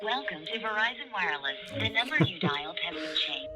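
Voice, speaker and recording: A woman's recorded voice, an automated carrier announcement heard over a phone line, delivered in a polite, even prompt style. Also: fairly low pitch, brisk, loud music behind the voice. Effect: recorded message heard over a phone line.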